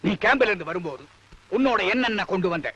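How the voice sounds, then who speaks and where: A middle-aged actor playing a strict, blustering army-major father who barks gruff English curses. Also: high-pitched, animated, fast, a bit bright, highs cut off, exaggerated voice. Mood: stern.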